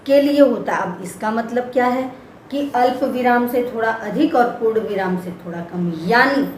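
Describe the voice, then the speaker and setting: A woman teaching a grammar lesson for children, patiently repeating example words one at a time. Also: a little high. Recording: echoey room with faint background noise.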